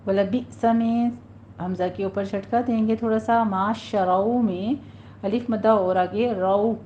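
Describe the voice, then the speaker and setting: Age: adult. Sex: woman. Role: Quran recitation teacher. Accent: Pakistani Urdu. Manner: patient, stretches out sample words slowly. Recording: dull lo-fi, faint hiss. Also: medium pitch, steady tone. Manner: patient instructional, drawn-out demonstrations of words. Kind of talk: tajweed lesson, explaining and demonstrating recitation.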